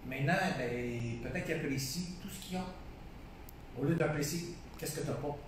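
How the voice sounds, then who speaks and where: A man's voice: a little high, moderate pace. A man with a Québécois French accent speaking casually and enthusiastically in an interview, often repeating himself and restarting his sentences. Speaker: painter being interviewed. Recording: distant echoey room sound with faint noise.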